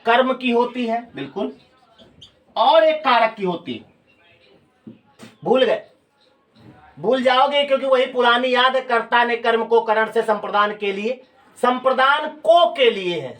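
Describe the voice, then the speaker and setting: A man's voice: very high-pitched, measured pace, long pauses, fairly bright tone. A male teacher giving a grammar lecture, explaining step by step and asking students questions. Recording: voice from a distance off the mic.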